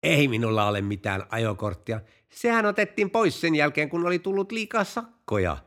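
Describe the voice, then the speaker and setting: A man's voice: mid-range voice, big pitch swings. A man voicing a brazen male car driver in a told joke, curt and then innocently denying everything.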